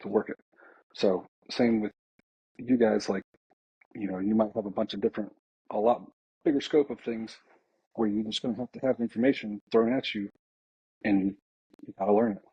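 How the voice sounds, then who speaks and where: On a casual podcast, an American air traffic controller talks informally, reflecting as he goes and hesitating often. His lowish, creaky voice carries a breathy edge and moves at a moderate pace with long pauses; the lo-fi track is slightly dull and has no echo.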